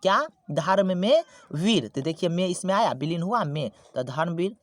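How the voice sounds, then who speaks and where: A man teaching a Hindi grammar lesson, repeating key words and asking rhetorical questions, slowing down to spell out terms. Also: high-pitched, animated, dry recording. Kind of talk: classroom-style grammar lesson.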